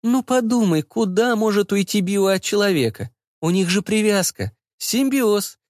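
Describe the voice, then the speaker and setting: A man's voice: high voice, expressive, normal speed, darkish tone, dry recording, studio quality, pitched above the performer's own voice. A man voicing a bossy, meddling middle-aged mother who scolds and fusses over her son. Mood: insistent. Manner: insistent, scolding, fussy.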